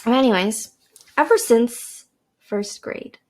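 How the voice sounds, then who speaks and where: A woman's voice: fairly high pitch, slow. Chatty young Canadian woman rambling. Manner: chatty, self-deprecating, with fillers and restarts. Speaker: podcast host. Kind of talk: casual rambling monologue. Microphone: desk microphone with a cord.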